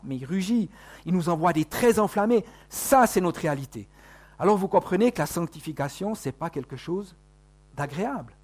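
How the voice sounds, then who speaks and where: High-voiced male preacher. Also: a little mellow. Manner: conversational, full of rhetorical questions and tag words. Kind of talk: sermon.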